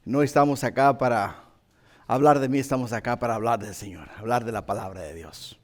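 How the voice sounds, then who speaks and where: Croaky frog-voiced male preacher. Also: mid-range voice. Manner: emphatic, with deliberate repetition and questions to the congregation. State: hoarse. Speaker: pastor. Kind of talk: sermon with prayer and scripture reading.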